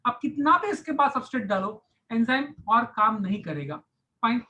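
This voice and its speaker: Male science tutor, online lecture, bright and crisp tone, repetitive step-by-step explaining. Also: very high voice, big pitch swings, normal speed, a little hiss or hum, poor audio. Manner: repeats key phrases, mixes English terms into Hindi. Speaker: science teacher.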